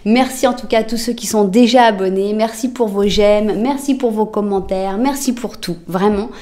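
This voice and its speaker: A woman's voice: medium pitch, normal speed, warm tone. Chatty French woman reading tarot. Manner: chatty, addresses viewers directly, many fillers. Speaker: tarot reader. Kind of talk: casual tarot reading for viewers.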